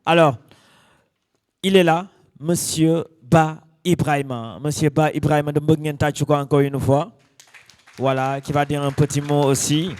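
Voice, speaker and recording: A man playing a genial celebration master of ceremonies in a drama, announcing haltingly with many pauses. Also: on the high side, steady tone, darkish tone, no room sound, close to an everyday voice.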